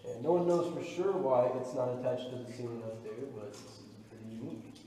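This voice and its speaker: A man's voice: mid-range voice, brisk, crowd noise. A man working as a tour guide, explaining things casually and a little hesitantly in an informal guided-tour style. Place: inside a cave. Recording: very echoey cave, distant mic, noisy.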